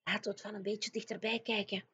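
A woman's voice: fairly low pitch, moderate pace, husky. A woman whispering as Sophie, a cautious little girl. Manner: whispered, soft and urgent. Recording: dull lo-fi recording.

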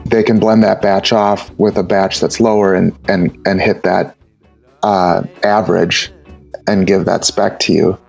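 A man's voice: sits low, flat delivery, a little slow, gravelly, darkish tone, slightly rough, muffled recording, faint music behind. A man talking casually as a brewer guest on an interview podcast, rambling with many repeated words and fillers.

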